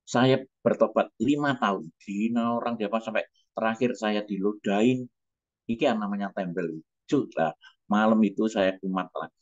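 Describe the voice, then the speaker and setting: A middle-aged man, a pastor giving an emotional, halting personal testimony. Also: on the low side, dry recording. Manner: emotional, halting, breaks off and restarts. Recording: dull, muffled dry recording.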